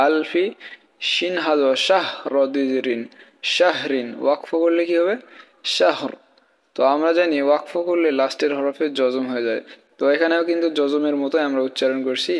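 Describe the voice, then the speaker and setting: A man's voice: medium pitch, big-room sound. A man teaching Quran reading, spelling out each letter and vowel patiently and checking in with the learner. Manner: patient, stepwise, asks rhetorical check questions. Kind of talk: spelling out and reciting verses for learners.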